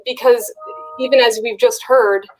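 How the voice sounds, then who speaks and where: A woman's voice: on the high side, steady tone, unhurried, darkish tone, poor audio. A woman hosting a virtual fundraiser, encouraging viewers to give and starting many phrases with "uh". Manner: encouraging, with frequent "uh" fillers. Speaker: fundraiser host.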